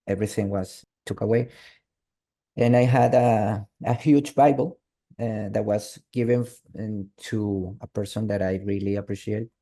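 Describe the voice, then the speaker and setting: A low-voiced man with a Venezuelan Spanish accent speaks over a video call. His tone is very dark, and he hesitates, repeating words and restarting his sentences. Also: gravelly. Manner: halting, with many restarts and fillers. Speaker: guest. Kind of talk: online interview.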